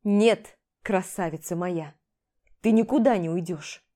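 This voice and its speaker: A woman reading the part of an intense, possessive husband in an audiobook, in a forceful, clipped way. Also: fairly low pitch, measured pace, lightly acted. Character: intense possessive jealous husband, adult man.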